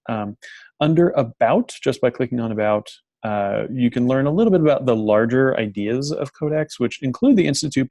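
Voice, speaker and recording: A man talks through an information session on a video call. His voice has a gravelly, creaky texture and a dry sound with no room around it. He speaks in a halting way and often restarts his phrases mid-thought. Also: fairly low pitch, a little mellow, no room sound. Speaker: program coordinator presenting an information session. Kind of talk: presenting to an online audience.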